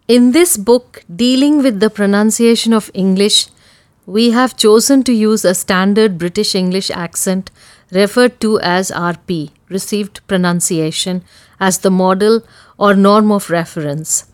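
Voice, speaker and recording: Female, Indian accent, slow measured delivery, dry close recording, reading aloud as an accent sample. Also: medium pitch, dry recording. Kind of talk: reading a passage and word list aloud.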